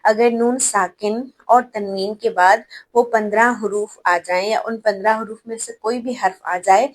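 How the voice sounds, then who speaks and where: A woman teaching an online recitation class, who explains step by step, spells out letters slowly and checks that students follow. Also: medium pitch, low-quality recording. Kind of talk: online tajweed lesson.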